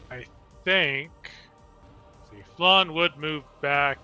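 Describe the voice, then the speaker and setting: Laid back guy at a tabletop session, talks slow, super bright voice, faint music behind. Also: fairly high pitch, smooth. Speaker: player. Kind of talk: casual tabletop game chat.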